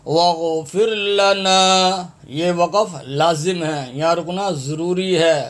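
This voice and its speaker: A man teaching recitation in a patient lesson, spelling out letters, repeating each word several times and earnestly urging listeners to read correctly. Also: sits high. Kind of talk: tajweed lesson, spelling out and drawing out verses.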